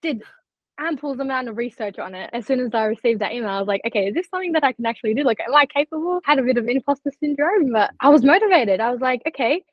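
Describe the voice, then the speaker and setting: A young woman who grew up partly in Turkey appears as a scholarship-recipient guest on a candid podcast interview, talking earnestly and chattily with lots of "like" and "you know." Her voice is high-pitched and expressive, and she talks fast. There's no room sound, though the lo-fi audio is slightly dull.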